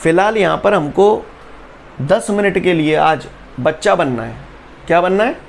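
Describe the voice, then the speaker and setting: A man's voice: high-pitched, expressive, unhurried, vocal fry, a little hiss or hum. A male physics teacher, giving an online class. He teases the students, keeps asking whether they follow, and drills them in chants. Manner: teasing, repeats questions to students, drills chants.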